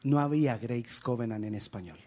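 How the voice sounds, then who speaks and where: A man from Colombia preaching a sermon as a pastor, emphatic and direct, with rhetorical questions and lively stories. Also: mid-range voice, husky. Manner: animated storytelling with quick asides.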